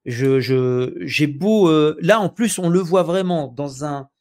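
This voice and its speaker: A man with a French accent hosts a casual film chat, his voice sitting a little high. He talks in animated bursts, stopping and restarting his sentences as he goes. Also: slow. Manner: animated, many hesitations and restarts. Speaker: podcast host. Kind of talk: casual chat about films.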